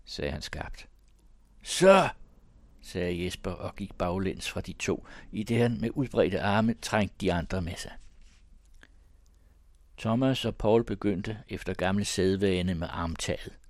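A man reading a classic story aloud in a measured, even tone. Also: sits low, no echo, clean studio sound. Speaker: audiobook reader. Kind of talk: storybook narration.

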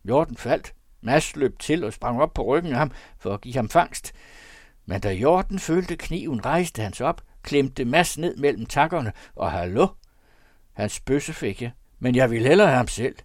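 A man's voice: medium pitch, expressive, no echo, studio quality, voice pushed up, lightly acted. A man voicing a harsh, angry male huntsman who threatens and scolds. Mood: telling.

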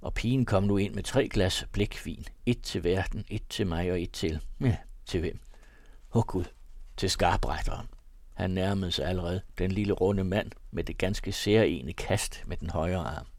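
Man, novel narrator, measured old-fashioned storytelling, lowish voice, dry close recording. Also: darkish tone, no echo. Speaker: reader of a classic novel. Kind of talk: scripted narration.

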